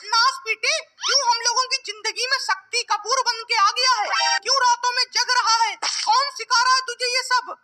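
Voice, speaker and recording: A woman doing a shrill scolding cartoon mom. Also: steady tone, normal speed, hardly any pauses. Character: scolding sharp-tongued mother. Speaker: mother. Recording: cartoon dub over loud music.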